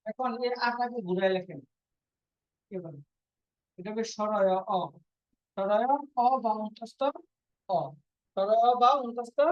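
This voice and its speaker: A woman's voice: medium pitch, dry recording. Lady teacher quizzing her class over and over, muffled lo-fi sound, dry. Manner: drills students with repeated quiz questions. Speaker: language teacher. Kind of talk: classroom lesson. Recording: dull lo-fi dry recording.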